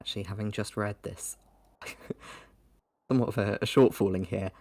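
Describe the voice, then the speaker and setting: A man's voice: fairly low pitch, fairly even intonation, moderate pace, a little mellow. A man playing a tabletop role-playing game, chatting casually with the group.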